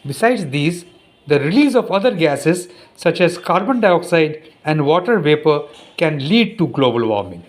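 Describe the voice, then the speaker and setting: A man with an Indian English accent, a teacher giving a recorded lesson. He reads from the textbook slowly, repeats passages, and stumbles over hard words. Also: fairly high pitch, sing-song, a little hiss or hum. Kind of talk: recorded classroom lesson, reading a textbook aloud.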